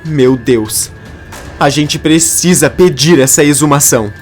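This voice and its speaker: A man's voice: mid-range voice, normal speed, faint music behind, natural voice. A man reading a grieving, determined young woman.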